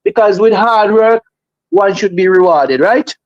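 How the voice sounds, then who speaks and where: High-pitched Jamaican man, emphatic and opinionated. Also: measured pace, no echo, muffled recording. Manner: emphatic, repeats phrases for effect. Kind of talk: opinionated casual talk.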